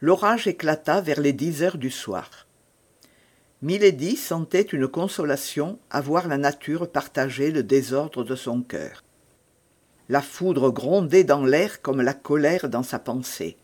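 A man reading a classic novel aloud in measured, dramatic narration. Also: a little high, darkish tone.

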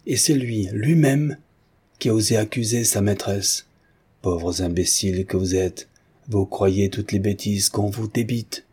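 A man's voice: fairly low pitch, unhurried, darkish tone, breathy edge. A man reading a grave loyal servant. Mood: solemn. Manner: solemn, testifying. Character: loyal old male servant, grave and stiff.

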